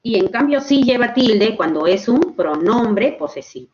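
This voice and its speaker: A woman teaching a grammar lesson online, explaining slowly and checking in with her students. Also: a little high, expressive, darkish tone, dull audio. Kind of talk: online class lecture.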